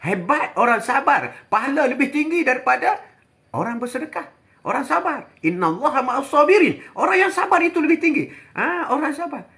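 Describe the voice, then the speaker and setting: Lively high-voiced older preacher. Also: male voice, brisk. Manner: animated, repetitive preaching with quoted voices. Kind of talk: live religious talk.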